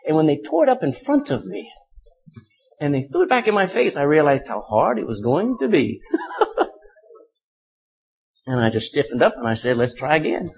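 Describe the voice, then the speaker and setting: Husky-voiced man preaching a lively sermon. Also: fairly high pitch, normal speed, long pauses. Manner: preaching with rhetorical questions and sudden emphasis. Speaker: pastor.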